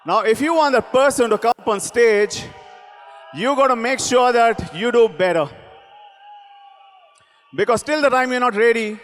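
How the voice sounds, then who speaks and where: A man hosting an event in a booming motivational speech style, commanding and exhorting with shouted calls and repeated phrases. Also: normal speed, pauses often. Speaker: event host introducing a speaker. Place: large event hall on stage. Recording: long hall reverb.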